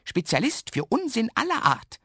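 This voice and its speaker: A man's voice: very high-pitched, huge pitch swings, normal speed, pushed and bright, slightly rough, no echo, clean studio sound, voice pushed up, full character voice. A man voicing a tiny, mischievous, boastful imp with a round belly in a children's radio story, cheeky and bragging.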